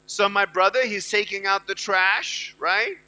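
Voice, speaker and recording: A middle-aged man, a motivational speaker at a university event, talks to students in a high, bright, forceful, smooth voice at a slightly slow pace. He's emphatic and repeats his key phrases, and the audio is poor.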